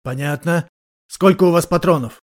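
A man's voice: fairly high pitch, moderate pace, voice pushed up, natural voice. A man voicing a tough male police officer who gives short, firm commands. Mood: terse. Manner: barking curt orders.

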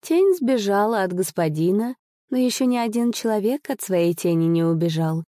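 A woman's voice: mid-range voice, expressive, normal speed, mellow, dry recording, studio quality, natural voice. A woman voicing a mysterious noble lady who speaks in a sing-song, lightly mocking way. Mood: cold.

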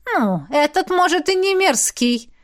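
A woman's voice: extremely high pitch, sing-song, measured pace, pitched above the performer's own voice, heavily acted. A woman reading an audiobook, voicing a mocking, venomous young female student witch with a sneering tone. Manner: sneering, teasing.

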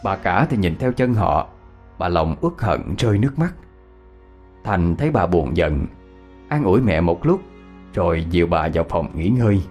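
Male ghost-story narrator, very lively delivery, soft music bed. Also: sits low, moderate pace, long pauses. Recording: faint background music.

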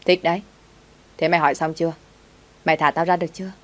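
A bossy young rich master barks orders and scolds his servant in a lowish, commanding voice, read by a woman narrator. He is gruff and impatient. It sounds like an audiobook story. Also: fairly even intonation, fast talker, close to an everyday voice.

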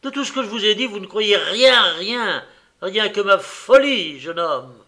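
A man's voice: a little high, expressive, slow, voice pushed up, heavily acted. A man voicing an old, tormented gambler who turns desperate and furious. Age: older. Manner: anguished, rising to shouted rage.

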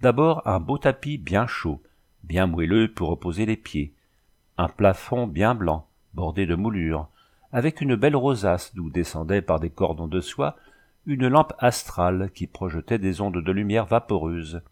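Male audiobook narrator, lower pitch, measured and expressive. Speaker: audiobook reader. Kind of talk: scripted narration of a novel.

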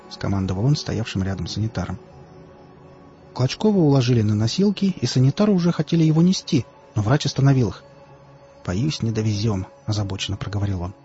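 A man narrating an audiobook in a steady storytelling voice. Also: mid-range voice. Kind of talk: scripted narration. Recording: dull lo-fi audiobook, faint music.

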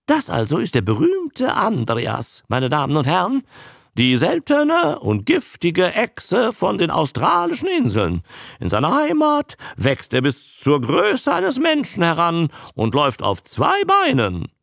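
A man voicing a scrawny little fairground showman who barks his patter in a hoarse voice. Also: a little high, wildly swooping pitch, a little slow, a bit bright, no room sound, studio quality, pitched above the performer's own voice, heavily acted. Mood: blaring. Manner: blaring barker's patter.

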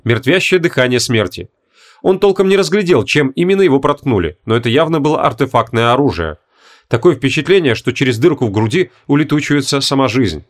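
Guy reading an audiobook, lively dramatic delivery, mid pitch. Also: brisk. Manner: dramatic, varied intonation. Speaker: audiobook narrator. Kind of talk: expressive audiobook narration.

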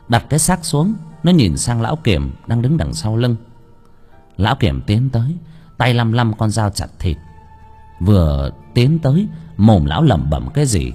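A man narrates a horror audiobook with dramatic flair. His husky voice rises and falls in a lively way. Faint music plays underneath. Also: lowish voice. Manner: expressive, dramatic. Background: faint background music.

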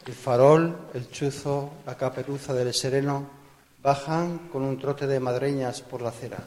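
A man's voice: mid-range voice, steady tone, unhurried, a little mellow, natural voice. A man narrating literary scene descriptions for a radio drama. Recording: reverberant hall.

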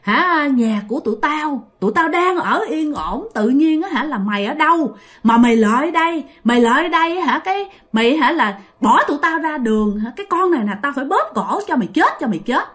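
Brief: woman doing a possessing ghost, high, shrill and threatening, Southern Vietnamese accent. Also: very animated, fairly quick. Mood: furious. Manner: threatening, shouting curses. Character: vengeful male ghost spirits possessing a body.

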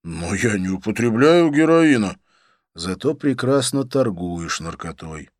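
A troubled young man, as a male reader puts him on, defensive and a touch raised in tone. The voice stays close to the reader's own, with a lively rise and fall. Dry, close recording. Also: fairly low pitch, measured pace, no room sound.

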